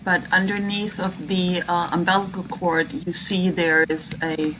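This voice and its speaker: A woman comments informally on a teaching demonstration, talking straight to her students. Her voice sits a little low. There is clearly audible noise behind her. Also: flat delivery, measured pace. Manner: conversational, addressing students directly. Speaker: biology instructor. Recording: clear background noise, video playing behind.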